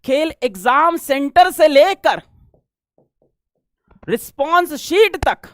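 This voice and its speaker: A man from India, an online teacher, making an urgent and emphatic video appeal and reading headlines out slowly. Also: very high voice, lively intonation, no echo, studio quality.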